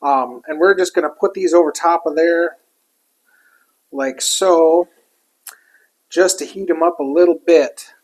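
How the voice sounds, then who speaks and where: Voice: medium pitch, unhurried, long pauses, darkish tone, rough recording. A cook giving a casual, chatty cooking demonstration while working a griddle, with food sizzling and utensils clinking behind.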